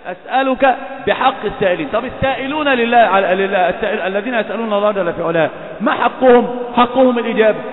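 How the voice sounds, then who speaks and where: A man preaching a sermon, fast and emphatic, firing rhetorical questions. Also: high voice, crowd noise. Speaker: Islamic preacher. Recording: echoey hall, phone-like lo-fi sound.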